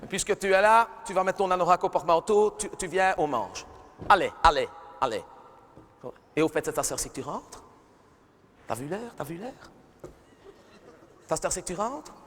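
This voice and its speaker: A man's voice: sits high, expressive, normal speed, long pauses, fairly bright tone, slight background noise. Man playing a nagging mother. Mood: fussing. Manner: fussing, nagging, repeating herself. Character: nagging middle-aged mother scolding her daughter. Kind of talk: live stand-up sketch. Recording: reverberant live arena recording.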